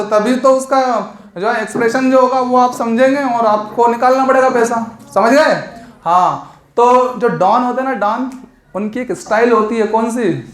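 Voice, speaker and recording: A man teaching an exam coaching lesson, explaining memory tricks and asking the class questions that he answers himself. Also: very high-pitched. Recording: echoey room.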